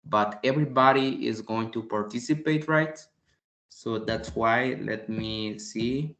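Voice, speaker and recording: Slow, deliberate man. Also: mid-range voice, a bit bright. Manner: repeats each word slowly, explains patiently, clears throat often. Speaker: English tutor. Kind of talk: online language class. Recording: echoey room.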